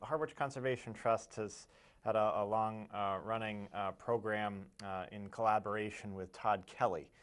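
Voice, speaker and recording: A man with a fairly low voice speaks as an interview guest. He explains details in a halting, measured way, breaking his sentences into short pieces. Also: fairly even intonation, fairly bright tone. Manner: halting, measured delivery with many pauses. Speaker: interview guest from a conservation group. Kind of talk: informational interview talk.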